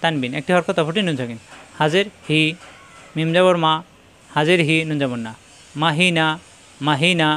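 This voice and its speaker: A man's voice: fairly high pitch, moderate pace, long pauses, fairly bright tone, clean tone. A man teaching Quran reading, who spells out letters and their sounds one by one and repeats each drill patiently. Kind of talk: spelling-out recitation lesson.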